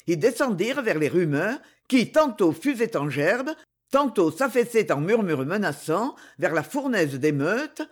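An audiobook narrator reading a dramatic novel with expressive storytelling. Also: mid-range voice, a little slow.

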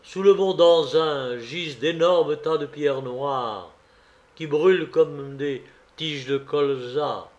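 A man's voice: fairly high pitch, slow, a little mellow, highs cut off. A man voicing a tearful old prophet. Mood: moved, solemn.

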